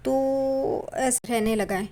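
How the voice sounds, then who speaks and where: A woman voicing an excitable young male driver who talks loudly and shouts for joy. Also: high voice, slow pace. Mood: coaxing.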